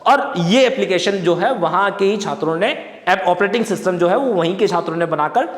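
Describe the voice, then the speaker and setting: A man's voice: high-pitched, expressive, brisk. A man explaining current affairs to exam students, often repeating and correcting himself and mixing in English terms. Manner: repetitive, self-correcting, mixes English terms. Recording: echoey room with long reverb.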